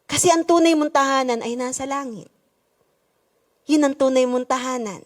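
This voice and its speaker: A woman's voice: sits high, normal speed. A middle-aged woman pastor with a Filipino accent, preaching a sermon in a church and switching between Tagalog and English. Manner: preaching in mixed Tagalog and English with rising emphasis.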